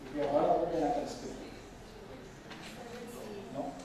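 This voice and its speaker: Far from the mic, a mediation trainer from Tamil Nadu, India, speaks briskly with a steady, highish voice, lecturing a class and frequently quizzing the room. The large training hall is very echoey, and a faint hum sits under his off-mic voice.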